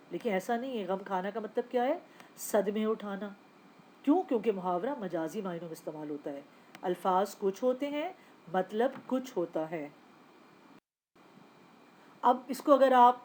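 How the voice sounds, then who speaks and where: A woman's voice: a little high, a little mellow. A woman teaching a recorded Urdu class, explaining step by step and answering her own questions, with a Pakistani Urdu accent. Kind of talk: recorded lecture.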